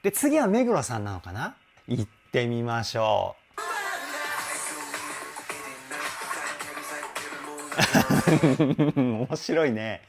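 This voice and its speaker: A man working as a vocal trainer, chatting enthusiastically in a casual commentary, with hums and interjections. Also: medium pitch. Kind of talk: casual music analysis commentary.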